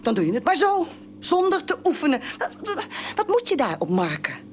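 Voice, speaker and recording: An actress playing a fierce, nagging middle-aged wife who scolds shrilly and repeats herself in a radio drama. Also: female voice, high-pitched, huge pitch swings, moderate pace, a little hiss or hum. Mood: angry scolding.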